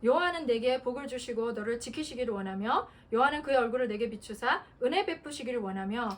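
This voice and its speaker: A woman's voice: fairly high pitch, animated, fast. A woman pastor delivering an earnest Sunday sermon, sometimes laughing as she acts out prayers. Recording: distant mic with faint noise.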